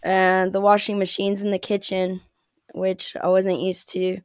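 A woman's voice: mid-range voice, monotone, a little slow, smooth, no echo, studio quality. A woman from the Midwest, chatting casually as a podcast guest and laughing as she tells stories. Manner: chatty, laughs often while telling stories. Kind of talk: casual chat.

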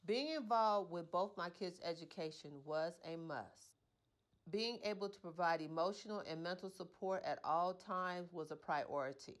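Calm woman from California. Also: fairly low pitch, normal speed. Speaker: guest mother.

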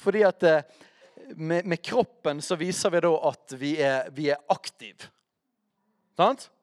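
A man preaching a teaching sermon in a conversational way, speaking straight to his listeners and checking in with quick questions. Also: a little high, lively intonation, no room sound, clean studio sound.

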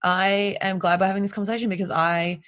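A woman speaking openly and emotionally in a casual conversation, telling her story with lively candour. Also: medium pitch, quick pace, dry recording, clean studio sound. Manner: open, emotional, animated storytelling.

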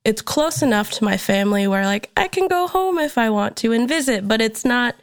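A woman from Minnesota chats as a guest on a studio podcast. She talks in an easygoing, unhurried way and laughs easily. Her voice carries a gravelly fry. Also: on the high side, expressive. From Minnesota, USA. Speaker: guest, graphic designer. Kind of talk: casual interview chat. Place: recording studio.

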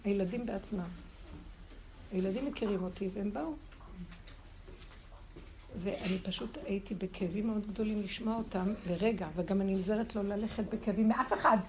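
A woman giving a spiritual morning class, telling stories and acting out quotes with sudden high jumps in her voice. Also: steady tone, pauses often, slight background noise. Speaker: spiritual teacher.

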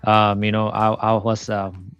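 A man's voice: on the low side, level tone, measured pace, a bit bright, clear, resonant tone, dry recording, muffled recording, soft background music. A man from Malaysia, a podcast guest in his thirties, telling his story in a casual interview, with many fillers and restarts. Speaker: podcast guest, entrepreneur coach.

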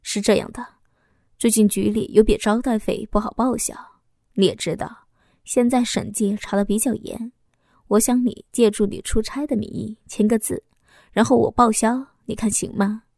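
A woman voicing a stern middle-aged male bureau chief with a smooth, falsely polite official tone. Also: fairly high pitch, fairly even intonation, moderate pace, mellow, dry recording, studio quality.

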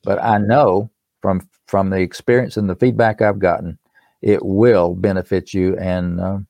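Low and creaky, with a darkish, steady tone, the older East Tennessee man speaks a little slowly. A musician and author, he's a guest on an interview, explaining things in an earnest, folksy, conversational manner for promotion. The recording is dry.

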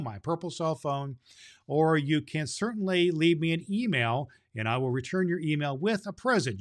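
Playing Santa Claus on a children's podcast, a man reads a storybook chapter aloud, chuckling like a grandfather. His voice is fairly high and fairly bright.

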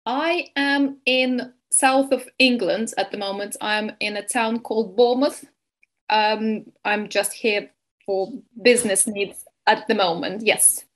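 Woman, nutrition advisor guest, unhurried and halting, filler words throughout. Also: medium pitch, fairly even intonation. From Estonia. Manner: hesitant, many fillers. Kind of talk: webinar interview.

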